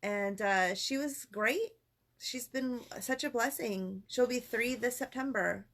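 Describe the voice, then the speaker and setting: A woman with a fairly high voice chatting casually on a live stream as co-host. She tells stories in a gushing, animated way and keeps the talk lively. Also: takes it slowly.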